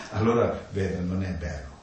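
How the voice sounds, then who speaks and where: A man giving an informal talk on the mind, speaking in halting, simple phrases and often checking in with a questioning "no?" after his points. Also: low-pitched, fairly bright tone. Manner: halting, simple non-native grammar, keeps adding "no?". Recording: echoey room, distant mic, faint noise.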